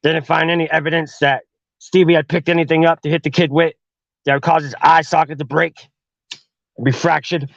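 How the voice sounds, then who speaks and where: A man hosts a podcast and narrates a horror tale in a crude, profane, slangy manner. His voice is gravelly and a bit higher than most men's, recorded dry and close. The sound is dull and lo-fi. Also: little pitch movement, brisk, no echo. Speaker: podcast host.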